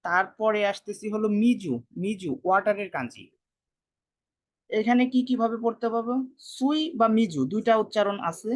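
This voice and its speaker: A language teacher talks through vocabulary in a casual lesson. The delivery is unhurried, with frequent repetition of each word. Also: medium pitch. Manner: explains slowly, repeats words, casual colloquial speech.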